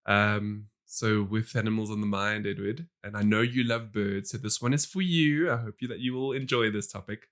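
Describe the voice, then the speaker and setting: A man co-hosting a podcast in casual chat, animated, laughing often and restarting his sentences. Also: on the low side, normal speed, hardly any pauses. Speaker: podcast co-host.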